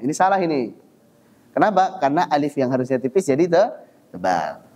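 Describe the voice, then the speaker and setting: A man teaching Quran recitation rules, drawing sounds out slowly to demonstrate and then explaining briskly. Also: fairly high pitch, big pitch swings, mellow. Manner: chants verse lines in a measured recitation. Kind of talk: tajwid lesson with slow demonstrations.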